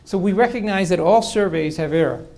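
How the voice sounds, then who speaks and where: A man's voice: high-pitched, brisk, darkish tone. An older man, a political science professor, answering audience questions at length in a lecture hall, with frequent restarts. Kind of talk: university lecture Q&A.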